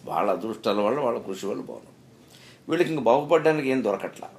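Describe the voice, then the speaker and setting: A man's voice: medium pitch, lively intonation, quick pace, darkish tone. A middle-aged man giving a spiritual discourse, telling stories and asking rhetorical questions with emphatic rises. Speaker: spiritual speaker.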